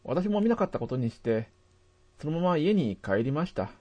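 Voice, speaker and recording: A man narrating a first-person memory as a steady, measured scripted reading. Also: a little high.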